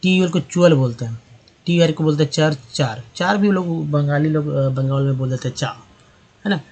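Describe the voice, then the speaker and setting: A man teaching English pronunciation in Hindi, spelling out words letter by letter and repeating vowel sounds slowly while checking in with viewers. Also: on the high side, a little mellow, slightly rough. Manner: addresses viewers as friends, checks understanding with tag questions. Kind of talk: explaining pronunciation with examples.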